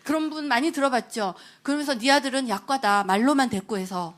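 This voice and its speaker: A middle-aged woman giving an emotional testimony sermon at a prayer meeting. She tells her story in an animated way, acts out the people she quotes, and drops to a hushed voice at moving moments. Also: sits high, fairly quick.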